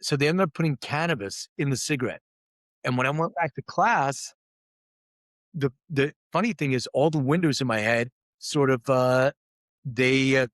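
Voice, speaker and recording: This is a middle-aged man whose voice sits at medium pitch with a slightly bright quality, recorded with no echo. He's a company CEO from Lithuania, raised in Philadelphia, and as an interview guest he tells his life story openly and self-deprecatingly while voicing the people he quotes.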